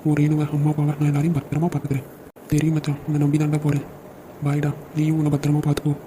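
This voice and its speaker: A man's voice: fairly high pitch, completely flat delivery, background noise, natural voice. A man voicing the young men of a family in a cartoon drama, brotherly and joking in manner. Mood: emotional. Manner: brotherly, joking, quick-talking.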